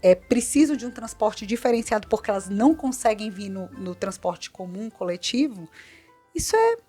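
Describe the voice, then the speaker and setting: Earnest Brazilian woman, animated talk. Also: mid-range voice, normal speed, slightly rough, soft background music. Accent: Brazilian Portuguese. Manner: earnest and animated, repeats herself for emphasis. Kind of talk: conversational interview.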